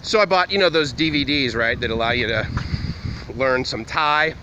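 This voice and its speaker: Walking across a university campus outdoors, a vlogger chats to the camera in a mid-range voice at a moderate pace. His talk is casual, rambling and digressive, with frequent self-corrections. The recording is muffled, noisy and windy.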